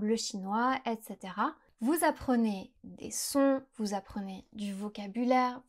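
Young woman from France, French tutor; fairly high voice, clear careful delivery, explains and models sounds slowly. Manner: clear, careful pronunciation with slowed examples. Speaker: French teacher. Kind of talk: explanatory lesson to camera.

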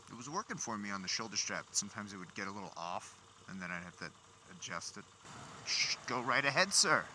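Male motovlogger, lowish voice, casual and grumbly, speaking inside a helmet with engine and traffic noise. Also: bright, forceful tone. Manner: wry, grumbling asides at traffic. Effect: voice enclosed inside a motorcycle helmet. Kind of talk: casual chat, muttering to himself while riding. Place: riding a motorcycle outdoors on city streets at night. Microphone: small mic inside helmet, recorder.

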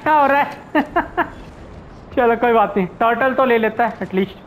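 A man's voice: very high voice, a little slow, a little hiss or hum, low-quality recording. Laid-back man commenting on gameplay. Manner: relaxed, mixes Hindi and English, chuckles at the game. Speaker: gamer, channel host.

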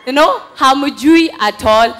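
A woman's voice: high voice, takes it slowly, fairly bright tone. A young Kenyan woman doing stand-up on an indoor stage through a headset mic, chatty and mimicking voices. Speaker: stand-up comedian. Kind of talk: stand-up comedy in mixed Swahili and English.

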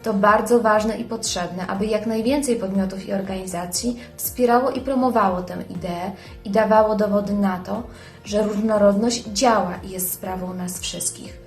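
A woman, a foundation president, giving a measured and earnest formal statement. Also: medium pitch, steady tone, faint music behind. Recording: echoey room.

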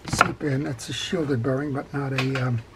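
A middle-aged man calmly talking through a step-by-step reel repair at his workbench, with frequent fillers as he works. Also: mid-range voice, normal speed, very noisy. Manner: calm, practical, talks while working, frequent fillers. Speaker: fishing reel repair instructor. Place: workshop bench.

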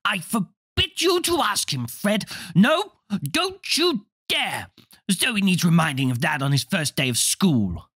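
A woman's voice: fairly high pitch, wildly swooping pitch, normal speed, husky, dry recording, studio quality, voice pushed up, full character voice. A man reading a storybook aloud, voicing a fussing, stern mother in a raised, shifted voice.

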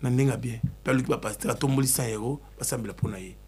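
A man talking excitedly in a casual chat, switching between Lingala and French. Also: mid-range voice, rapid-fire, creaky, heavy background noise.

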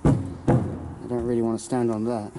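An urban explorer, a young Englishman, swears freely and jokes crudely while wandering through a dark, burnt-out abandoned building. His mid-range voice is monotone at a normal speed, captured by a handheld camera with noisy sound.

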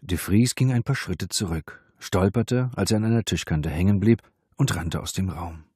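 A man narrating a thriller audiobook in a steady, measured read. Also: low voice, slightly rough, no room sound, studio quality. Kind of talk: scripted narration.

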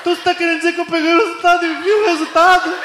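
A man with a Brazilian accent voicing an excitable, gullible young friend who shouts in a frantic high voice. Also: rapid-fire. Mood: insistent. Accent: Brazilian Portuguese. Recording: echoey live venue with noise.

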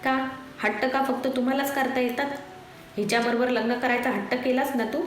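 A woman's voice: high-pitched, fairly even intonation, brisk, natural voice. A woman voicing a stubborn, domineering older mother who makes demands and reproaches her son. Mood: reproachful. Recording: echoey room with faint noise.

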